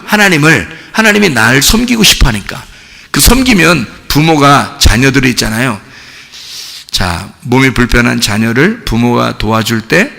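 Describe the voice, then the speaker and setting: A male pastor delivering an impassioned sermon in a church. His voice is bright and cutting, with a gravelly edge, and he swings from loud shouted peaks to quiet asides. The sound carries a long hall reverb. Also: medium pitch. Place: church sanctuary.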